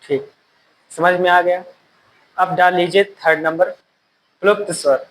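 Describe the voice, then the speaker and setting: A male teacher giving a classroom lecture, repeating key phrases slowly so students can write them down. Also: sits high, flat delivery, fairly bright tone, rough recording.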